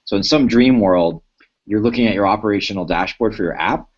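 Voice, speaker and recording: A man with a very low voice rambles through a casual tech discussion, pausing and restarting often. The sound is dull and lo-fi, like a streamed panel. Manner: rambling, hesitant, many fillers.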